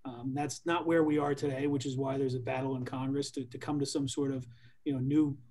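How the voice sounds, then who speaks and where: A man's voice: medium pitch, little pitch movement, a little fast, dark tone. A man giving an informal legal briefing as a panelist, conversational and often rephrasing himself. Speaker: employment lawyer, webinar panelist.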